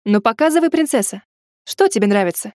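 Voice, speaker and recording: Woman reading as a charming dad, lively and easy, dry close voice. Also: on the high side, brisk, no echo, natural voice. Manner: lively, warm with daughter. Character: charming father with low husky voice.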